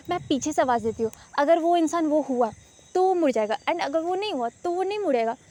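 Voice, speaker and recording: A woman's voice: sits high, darkish tone. A young woman telling a sarcastic, ranting storytime vlog, dropping English words in. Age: young adult. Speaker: vlogger.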